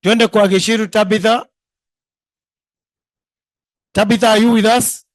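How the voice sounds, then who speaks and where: A Kenyan man hosting an informal event through loudspeakers, playfully repeating his phrases and switching between English and Swahili. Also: sits high, fairly even intonation, a little slow, no echo, clean studio sound. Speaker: master of ceremonies. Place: live reunion gathering with a microphone.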